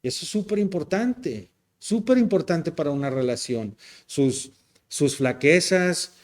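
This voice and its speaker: A man's voice: on the high side, animated, measured pace. A male pastor, preaching a sermon in a conversational, joking way. He often adds tag questions and slips in English words.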